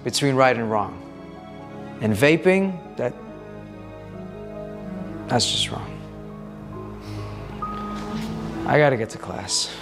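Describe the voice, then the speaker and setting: A man's voice: medium pitch, big pitch swings, slow pace, over music. A man playing an earnest teenage boy in a wheelchair who pleads with his friend, in a scripted web drama.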